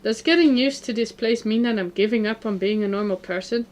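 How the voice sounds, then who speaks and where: A woman's voice: fairly high pitch, a little fast, lightly acted. A woman reading the part of an awkward, reflective teenage boy narrating a visual novel.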